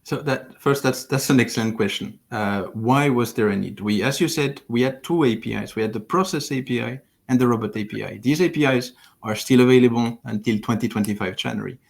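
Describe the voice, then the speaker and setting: A man from France with a low, gravelly edge to his voice, thoughtful and explanatory. He speaks over a headset on a video call from a home living room. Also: a little fast. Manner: thoughtful, explanatory, with frequent restarts. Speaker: platform engineering lead. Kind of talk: livestream interview.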